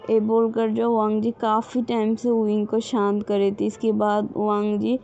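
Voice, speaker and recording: A woman narrating a fan fiction story in a plain, unhurried retelling with many fillers. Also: medium pitch, completely flat delivery, creaky, dark tone. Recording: dull lo-fi home recording.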